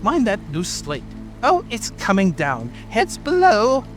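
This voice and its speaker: A high-pitched, fussy storybook rabbit, irritable and imperious. The voice leaps up and down as it hands out orders, with music and rain behind it. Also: male voice, wildly swooping pitch, a little slow, a bit bright, heavily acted. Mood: brisk, commanding. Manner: angry, imperious, exclamatory. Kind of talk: dramatic audiobook character acting.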